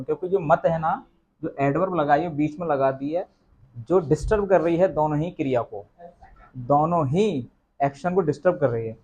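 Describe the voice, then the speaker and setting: A man's voice: on the high side, a little mellow, highs cut off. A man teaching English grammar in a classroom lecture, explaining step by step and asking the class questions, with an Indian accent.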